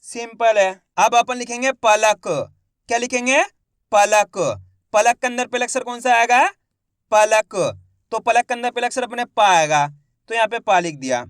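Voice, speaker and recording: High-voiced man teaching Hindi reading. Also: moderate pace, a bit bright, clear, resonant tone, dry recording, clean studio sound. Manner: spells out words syllable by syllable, repeating each word; addresses viewers as friends, asks quiz questions. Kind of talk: step-by-step literacy lesson.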